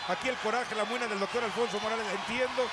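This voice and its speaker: A man with a Mexican accent working as an excitable live wrestling commentator who repeats his phrases. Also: high-pitched, quick pace, very noisy. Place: ringside commentary table in indoor arena.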